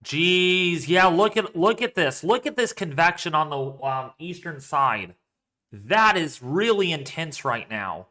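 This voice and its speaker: A man with a slightly high, bright, forward voice co-hosts a live storm stream. He comments casually and excitably, exclaiming as he points things out. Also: measured pace. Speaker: livestream weather co-host.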